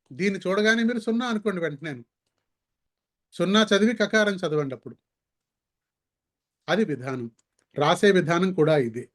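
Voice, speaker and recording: A man leads an online language class, his voice sitting a little high. He drags out syllables and repeats words slowly so learners can copy the sounds. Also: fairly bright tone. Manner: slow, careful demonstration of sounds. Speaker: Sanskrit teacher.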